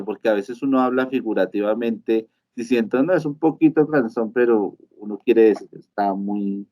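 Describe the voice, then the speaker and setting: A man's voice: mid-range voice, darkish tone. A male teacher gives a live online lesson. He explains step by step and keeps checking in with his students. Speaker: English teacher.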